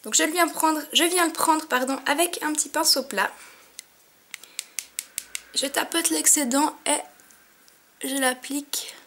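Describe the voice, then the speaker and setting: Speaking slowly with long pauses, this high-pitched, slightly bright voice belongs to a beauty vlogger who has a cold. She sniffles through a chatty at-home makeup tutorial at her mirror, leaning on fillers, with a little hiss or hum in the background.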